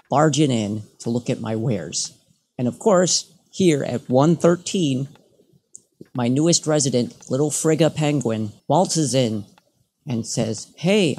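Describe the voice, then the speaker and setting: A man's voice: mid-range voice, warm tone, a little hiss or hum. A man giving casual let's-play commentary, playfully haggling and bickering with the characters on screen. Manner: playful, mock-bargaining with game characters. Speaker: gameplay commentator.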